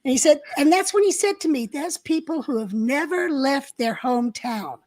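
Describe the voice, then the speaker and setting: Older woman, high voice, co-host, casual live-stream chat, reminiscing, chatty. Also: lively intonation, moderate pace, a little mellow.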